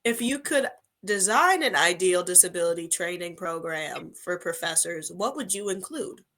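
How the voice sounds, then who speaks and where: A woman's voice: on the low side, normal speed. A young woman in her twenties hosting a casual interview, chatty and full of "like" fillers. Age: 20s. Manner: chatty, frequent "like" fillers, lively when quoting others. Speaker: host.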